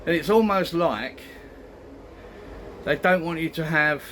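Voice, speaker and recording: A man's voice: fairly high pitch, slow, bright, forceful tone, slight background noise. A man giving a casual vlog update, grumbling and retelling conversations as he goes. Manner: grumbling, recounts exchanges as quoted dialogue. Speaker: travel vlogger.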